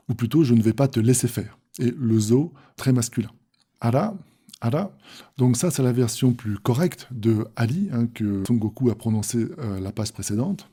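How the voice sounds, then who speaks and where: A husky man with a dark, mid-range voice teaches a manga text lesson. After reading each Japanese phrase aloud, he explains it patiently one step at a time.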